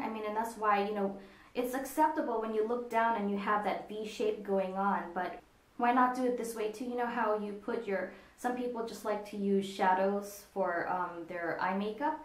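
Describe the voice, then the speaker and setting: A woman giving a casual makeup tutorial, talking in a relaxed, meandering way with frequent ums. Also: medium pitch. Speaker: makeup vlogger. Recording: echoey room.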